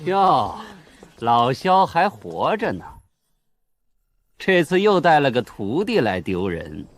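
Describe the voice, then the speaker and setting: A man's voice: mid-range voice, very animated, takes it slowly. A man voicing a sneering rival sect elder. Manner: mocking, sneering.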